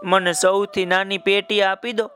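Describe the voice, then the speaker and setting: A man's voice: high voice, little pitch movement, measured pace, a bit bright, soft background music. A man voicing a humble, honest poor girl in a children's story, answering plainly and modestly.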